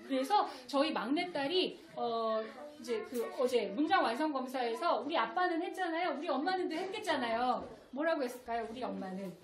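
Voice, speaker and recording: High, lively woman lecturing adoptive parents. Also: normal speed, hardly any pauses, a crowd in the background. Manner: lively, acts out parent and child lines, laughs often. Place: lecture hall with audience. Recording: echoey hall with audience.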